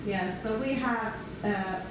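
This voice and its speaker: In a large lecture hall, a middle-aged Finnish woman with a Finnish accent gives a relaxed, chatty guest lecture at a conference, speaking at medium pitch and a slow pace. She laughs often and uses many fillers. The recording is echoey, with room noise and the mic far from her.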